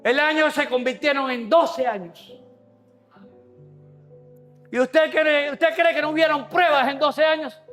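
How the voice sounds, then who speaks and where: A male pastor delivering an impassioned sermon in a church, building to shouted peaks. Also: very high voice, a little slow, pauses often, faint music behind.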